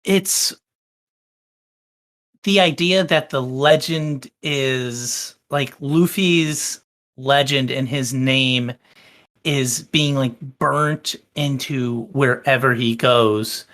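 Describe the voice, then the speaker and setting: A man co-hosting a casual chat podcast, talking in long, excited, rambling runs and swearing freely. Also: mid-range voice, extremely slow. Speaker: podcast co-host.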